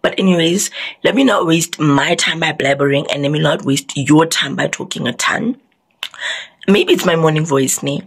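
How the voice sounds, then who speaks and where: A young woman from South Africa chats to her camera in a loose, rambling vlog. Her voice sits low and husky, roughened from singing. She pokes fun at herself as she talks. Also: moderate pace, poor audio. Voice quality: husky, lowered morning voice. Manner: chatty, rambling, self-mocking. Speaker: vlogger. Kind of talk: casual vlog talk to camera.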